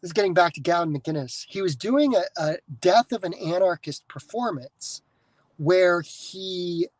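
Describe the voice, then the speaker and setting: An American man hosts a podcast in a high-pitched, animated voice, taking his time. His monologue is casual and rambling, full of digressions, restarts and free swearing, and the audio is poor but dry, with no echo.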